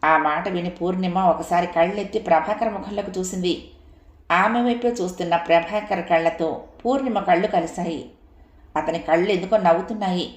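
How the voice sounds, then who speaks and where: A woman narrating a story in a steady, expressive reading. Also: on the low side, normal speed. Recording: echoey room.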